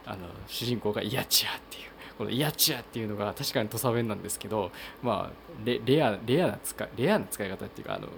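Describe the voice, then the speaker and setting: A man's voice: lowish voice, very animated, fast, gravelly, few pauses, slight background noise. A man from Kochi with a Tosa accent, hosting a casual solo talk and hesitating with many fillers and restarts. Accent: Tosa dialect. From Kochi, Japan. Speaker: podcast host.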